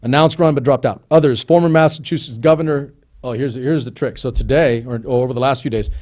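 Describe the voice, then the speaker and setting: A man's voice: medium pitch, quick pace, a little mellow. A man hosting a live stream, talking casually and reading a list of names with asides. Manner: chatty, digressive, reads names off a list. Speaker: host.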